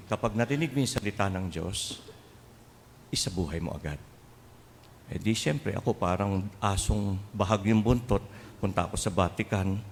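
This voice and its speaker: A man's voice: fairly low pitch, a little hiss or hum. A Filipino man in his sixties, a priest giving a humorous homily and telling stories with playful mimicry. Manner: humorous, animated storyteller who mixes in mimicry and chuckles. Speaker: priest and seminary formator. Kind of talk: homily with personal storytelling. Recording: long hall reverb, faint ambience.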